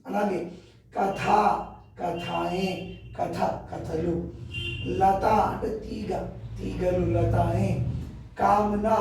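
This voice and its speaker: A man with a high voice teaches grammar in a classroom manner, working through each word and its plural one after another. He stands well back from the microphone. His voice rings in a very echoey room. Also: gravelly, darkish tone, far from the mic, a little hiss or hum. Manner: explains slowly, repeating words and their plurals. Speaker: Hindi teacher.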